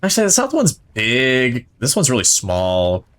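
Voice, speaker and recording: A man's voice: medium pitch, huge pitch swings, moderate pace, a bit bright. A male streamer giving casual, chatty gameplay commentary, rambling and thinking aloud, enthusiastic about what he plays.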